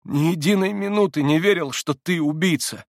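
A man voicing a gentle young man who is a tender younger brother, speaking in a soft, earnest, hesitant way. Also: on the low side, normal speed, no echo, studio quality, close to an everyday voice. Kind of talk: audiobook character voice.

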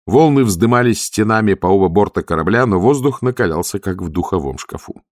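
A man narrating an audiobook in a measured storytelling manner. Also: on the low side, expressive, darkish tone, no room sound, studio quality. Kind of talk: scripted narration.

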